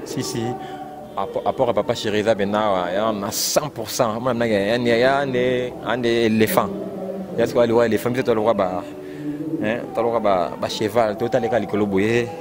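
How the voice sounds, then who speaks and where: A man with a Congolese French accent in an animated, repetitive casual chat about music, exclaiming often. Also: lowish voice, normal speed, noisy background. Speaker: fan discussing rumba music. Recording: loud music playing behind.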